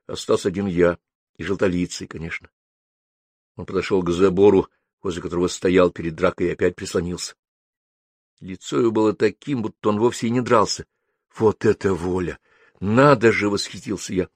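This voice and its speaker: A man narrating a first-person story as an audiobook, in measured storytelling. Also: deep voice, fairly even intonation, darkish tone, dry recording.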